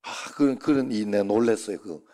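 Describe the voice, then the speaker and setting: A man's voice: lowish voice, a little fast, mellow. A middle-aged male pastor telling rambling, joking stories to his congregation in an informal sermon. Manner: chatty, joking, rambling anecdotes.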